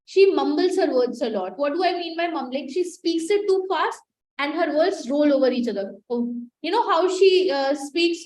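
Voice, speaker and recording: A woman's voice: sits high, expressive, moderate pace, a little mellow. A young woman teaching a live online class on communication skills, emphatic and repetitive as she coaxes her students to answer in the chat. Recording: echoey room with faint noise.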